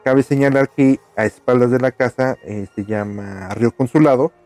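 A man's voice: mid-range voice, steady tone, normal speed, a little mellow, faint music behind. A man telling a ghost story in casual chat, hesitant and full of fillers. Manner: hesitant, many fillers and restarts.

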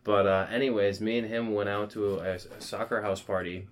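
A man's voice: fairly low pitch, fairly even intonation, brisk. A young man telling a rowdy party story on a podcast, profane and rambling, with lots of "like" and "man.". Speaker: podcast co-host. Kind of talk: casual storytelling chat.

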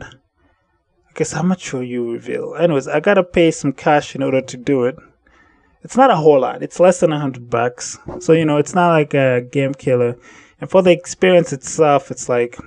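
A man's voice: mid-range voice, gravelly, darkish tone, dry recording. A man hosting a casual solo podcast, rambling and correcting himself as he thinks aloud at home in the evening. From central United States. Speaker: podcast host.

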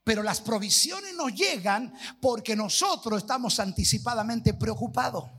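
A man's voice: high-pitched, lively intonation, moderate pace, fairly bright tone, breathy edge. A man preaching a sermon as pastor, leading the congregation to repeat after him. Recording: long reverb of a church hall.

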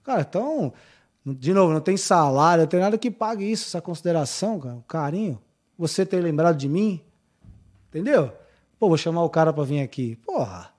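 A man's voice: on the high side, animated, a little fast, darkish tone. A man speaking as a podcast guest in casual, effusive, colloquial talk peppered with slang and mild swearing. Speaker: podcast guest, works with house painters. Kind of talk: casual chat.

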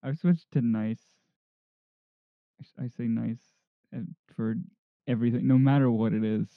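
A young man with a gravelly, creaky voice chatting offhandedly in a group call. The sound is dry and thin, like a phone line. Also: mid-range voice, steady tone, moderate pace, no echo. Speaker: voice actor. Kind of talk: casual group chat.

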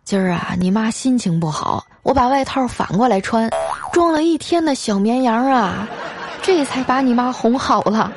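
Calm older husband, voiced by a woman, patient and coaxing, a touch higher. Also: moderate pace, background noise. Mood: smug.

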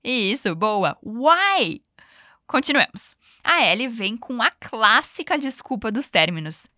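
Woman teaching English, slow model phrases. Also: fairly high pitch, animated, pushed and bright, dry recording, studio quality. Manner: patient, coaching, slows down for model phrases. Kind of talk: podcast language lesson.

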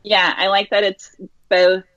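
A woman's voice: mid-range voice, a little slow, dry recording. A woman in her thirties from Norway, talking casually and laughing often as an interview guest over a video call. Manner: relaxed, chatty, laughs often. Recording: dry, dull lo-fi call audio.

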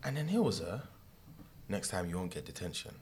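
Lively, low-voiced London roadman. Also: brisk, breathy edge. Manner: slangy, acts out reported dialogue. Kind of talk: casual anecdote telling among friends.

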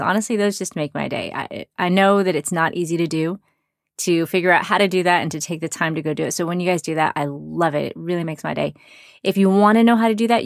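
Lower-pitched woman hosting a casual podcast. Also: no room sound, clean studio sound. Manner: effusive, informal, self-deprecating joking. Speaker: podcast host. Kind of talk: upbeat conversational podcast introduction and interview.

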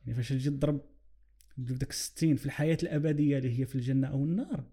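Moroccan accent guy talking super fast about life, mellow voice, bits of english mixed in. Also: mid-range voice. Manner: mixes English phrases into his speech. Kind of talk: conversational religious reflection with examples.

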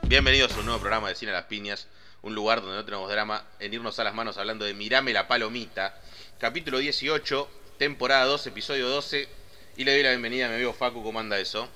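A man's voice: medium pitch, quick pace, bright, forceful tone, soft background music. An Argentine man hosting a casual podcast chat. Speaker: podcast host. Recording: faint background noise.

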